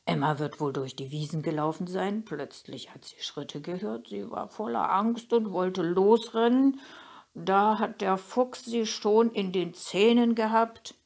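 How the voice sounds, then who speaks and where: A woman voicing a gruff, thoughtful old grandfather in a storybook reading, musing and grumbling as he talks. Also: mid-range voice, steady tone, unhurried, darkish tone, pitched above the performer's own voice.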